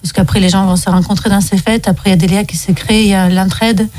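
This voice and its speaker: A woman's voice: medium pitch, steady tone, quick pace, darkish tone, slight background noise. A young woman from Russia, a film director, answering radio interview questions with many hesitant ums.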